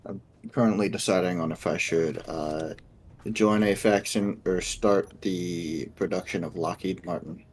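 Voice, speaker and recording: A man's voice: low-pitched, fairly even intonation, measured pace, a little mellow, a little hiss or hum. A man chatting casually and joking with friends as he plays a game. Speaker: player in a group gaming session.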